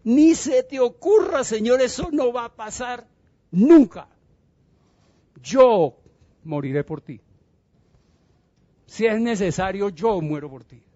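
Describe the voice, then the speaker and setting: A hot-headed, devoted male disciple shouts his vows of loyalty, as a preacher puts him on. The voice climbs high and the words come slowly and forcefully. The recording is slightly dull, with faint instrumental music behind. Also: expressive, no room sound. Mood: vehement. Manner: loud, insistent protest.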